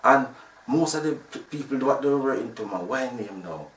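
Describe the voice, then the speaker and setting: A sound system founder from Jamaica, in his sixties, tells his story expressively at normal speed and medium pitch, with a Jamaican accent. It is casual interview talk, rambling and full of restarts. The recording is roomy and made from a distance, off the mic.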